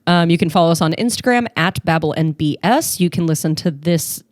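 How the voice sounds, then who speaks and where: A woman's voice: lowish voice, lively intonation, brisk, no echo, clean studio sound. A woman co-hosting a podcast in casual chat, teasing, laughing and swearing casually. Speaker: podcast co-host.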